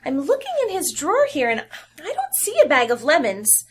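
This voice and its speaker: Reading a picture book to her young pupils, a young woman teacher performs with animation and expression, her voice sitting high. She throws in sound effects and stops at points to explain things.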